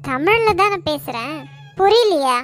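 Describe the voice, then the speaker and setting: A woman voicing a hot-headed college girl in a cartoon, accusing and shouting. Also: very high-pitched, animated, unhurried, slight background noise. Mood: furious. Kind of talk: Tamil cartoon voice acting.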